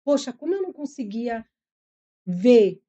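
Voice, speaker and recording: Her voice is a little high and mellow, very animated yet unhurried, with the highs cut off. She's a middle-aged psychologist with a São Paulo Brazilian Portuguese accent, guesting on a podcast interview, sharing personal stories earnestly and reflectively and explaining with patience.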